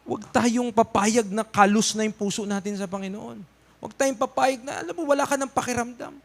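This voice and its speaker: A man with a Filipino accent preaching a church sermon, emphatic, calling out amens and dropping to soft asides. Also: very high voice, fairly even intonation, brisk, vocal fry. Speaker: pastor.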